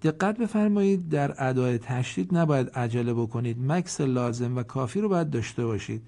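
A man with a gravelly, dark voice delivers a formal recorded lesson. He teaches Quran reading slowly and deliberately, stretching example words and pausing so listeners can answer. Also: medium pitch, expressive. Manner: slow, deliberate, pausing to let learners answer.

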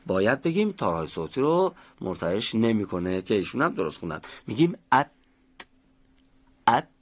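A man's voice: lowish voice, big pitch swings, breathy edge. A man teaching a pronunciation class, patiently explaining how each sound is made and calling on students by name.

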